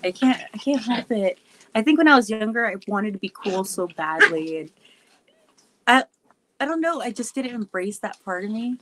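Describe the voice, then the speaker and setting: A woman's voice: a little high, lively intonation, moderate pace, background noise. A woman who laughs often and talks in a goofy, chatty way, answering her viewers' questions. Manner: chatty with many fillers. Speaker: wrestler vlogger answering fan questions. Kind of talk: casual chat to viewers.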